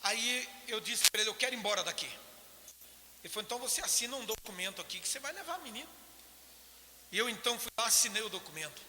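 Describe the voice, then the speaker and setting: A man's voice: sits high, lively intonation, fast talker, sharp tone, a little hiss or hum. A man with a Brazilian Portuguese accent giving an emotional personal testimony in church, acting out the voices of people in his story. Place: church hall. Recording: echoey church hall, live stream.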